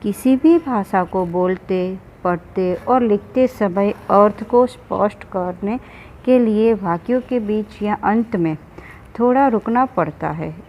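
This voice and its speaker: A woman teaching a school grammar lesson, who explains slowly and asks questions she then answers herself. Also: mid-range voice, darkish tone. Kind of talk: online Hindi grammar lesson. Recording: slightly dull recording with faint background noise.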